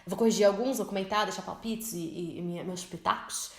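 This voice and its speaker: A young Brazilian woman with a Brazilian Portuguese accent, teaching English in a chatty, expressive vlog style and slowing down to spell words out. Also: medium pitch. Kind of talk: casual vlog-style lesson. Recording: echoey room.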